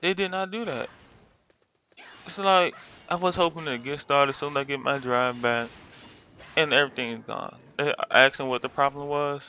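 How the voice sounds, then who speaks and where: A man's voice: medium pitch, fairly even intonation, moderate pace, bright, forceful tone, a little hiss or hum. A man talking casually in a gaming commentary, sleepy from just waking up, rambling through his story with lots of fillers.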